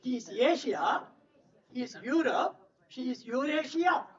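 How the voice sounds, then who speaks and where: An older speaker with an Indian English accent, a former teacher giving a classroom-style talk full of number puzzles, who repeats points and keeps asking if things are clear. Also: high voice, animated, measured pace. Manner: repetitive, drilling, asks "clear?" often. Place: large hotel event hall. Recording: echoey hall, distant dull mic.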